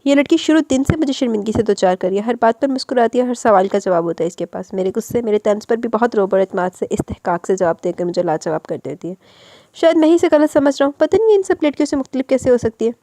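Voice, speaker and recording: A cold, wealthy older husband from a romance audiobook speaks in short, dry, dismissive lines, as a woman narrator reads him out. The voice sits fairly high and moves along quickly. The sound is close and dry, with no room around it. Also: lively intonation, warm tone, dry recording. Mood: brooding.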